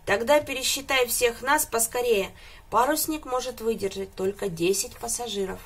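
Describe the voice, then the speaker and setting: A woman's voice: a little high, moderate pace, slightly rough. A woman doing a panicky rooster captain. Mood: alarmed. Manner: shouting in alarm.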